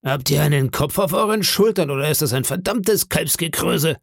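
A man voicing a jovial, cunning one-legged pirate innkeeper in a storybook reading, hearty and booming with blustering indignation. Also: measured pace, gravelly, dry recording, studio quality. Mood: stern.

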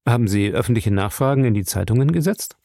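Man reading eager young newsman, quick, dry audiobook sound. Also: mid-range voice, lively intonation, vocal fry, mellow, no echo. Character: keen young newspaper reporter.

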